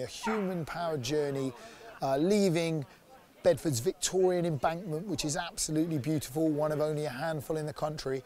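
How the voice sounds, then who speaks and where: In an upbeat promotional interview on a lapel mic, a forties-aged director of an outdoor activity company speaks enthusiastically outdoors in a sunny woodland. His voice is a little high with a darkish tone.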